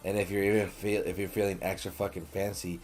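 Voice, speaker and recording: Deep-voiced, profane gaming stream host. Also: male voice, little pitch movement, fast talker, darkish tone, faint music behind. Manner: loose, profane and joking, talks to viewers as buddy. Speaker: livestream host. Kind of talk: casual late-night gaming stream chat.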